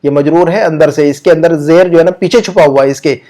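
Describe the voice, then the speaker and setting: A man with an Urdu-speaking accent teaching an online grammar lesson. He explains patiently, repeats example sentences slowly and puts questions to his students. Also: a little high, warm tone.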